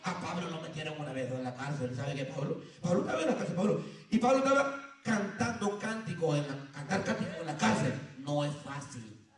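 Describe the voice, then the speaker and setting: A male pastor preaching a sermon, jumping between shouted lines and low murmurs and repeating phrases. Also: big pitch swings, fairly quick. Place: church. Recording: echoey church from far off.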